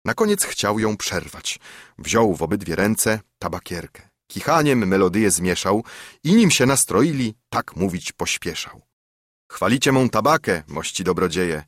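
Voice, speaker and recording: A man's voice: fairly low pitch, very animated, unhurried, dry recording, clean studio sound. A man reading epic verse aloud in a rhythmic, dramatic way.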